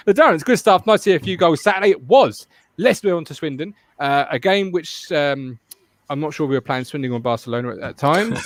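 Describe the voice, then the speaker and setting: A man's voice: a little high, no room sound. An English man hosting a casual fan podcast, joking and laughing as he tells anecdotes. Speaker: podcast host.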